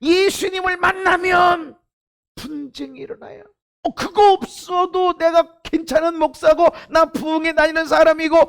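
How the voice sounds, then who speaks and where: A middle-aged man preaches a sermon in a very high, gravelly voice. He swings from hushed, almost whispered asides to shouted emphasis. He acts out the inner voices he quotes. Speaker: pastor.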